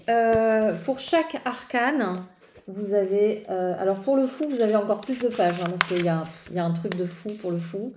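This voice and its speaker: A woman's voice: medium pitch, darkish tone, a little hiss or hum. A woman vlogging casually about tarot decks, rambling with frequent hesitations and restarts. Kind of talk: casual tarot show-and-tell.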